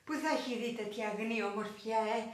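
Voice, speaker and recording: A woman performing a dramatic audio monologue, swinging between hushed brooding, shrill scolding and soft cooing. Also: fairly even intonation, far from the mic. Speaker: narrator and lead performer. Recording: echoey room, from afar.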